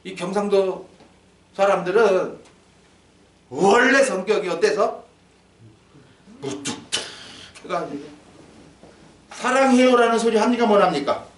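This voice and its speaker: Male pastor, high animated sermon voice, echoey church from a distance. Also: unhurried, pauses often. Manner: animated, acts out little dialogues, quizzes the congregation. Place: church sanctuary. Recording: echoey hall, mic from a distance.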